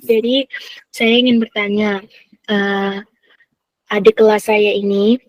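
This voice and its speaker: A woman's voice: mid-range voice, fairly even intonation, slow, no room sound, poor audio. A woman from the audience asking the preacher a question, telling a story in a chatty, casual way.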